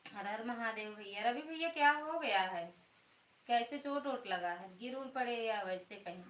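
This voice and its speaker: Loud-talking Awadhi woman live-streaming from home. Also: on the high side, expressive, normal speed, roomy sound. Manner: greets viewers with religious salutations, talks loudly. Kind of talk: casual live-stream chat with viewers. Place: indoors at home, in a room.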